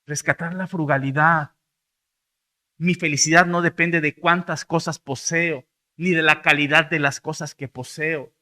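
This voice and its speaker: A man with a Mexican Spanish accent preaching a sermon as pastor, swinging from loud, rising outbursts to soft, low endings. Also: fairly even intonation, unhurried.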